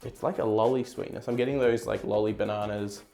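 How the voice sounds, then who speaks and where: A man's voice: lowish voice, steady tone, brisk, creaky, mellow, faint music behind. An Australian man giving a casual whiskey review, rambling a little as he searches for words. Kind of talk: casual tasting chat.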